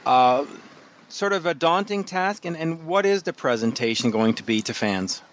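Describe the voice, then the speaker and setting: A man's voice: a little high, animated, normal speed, highs cut off. A tired man interviewing a musician, rambling and stumbling over his words with a self-deprecating manner. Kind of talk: casual interview.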